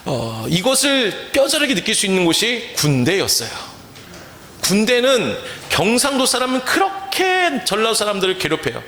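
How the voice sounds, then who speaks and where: Male pastor, bright, sharp voice, echoing church sanctuary, sermon with call-and-response questions. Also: sits high, wildly swooping pitch, moderate pace, a little hiss or hum. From Chungcheong, Korea. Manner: asks the congregation questions and leads call-and-response. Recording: echoey church hall.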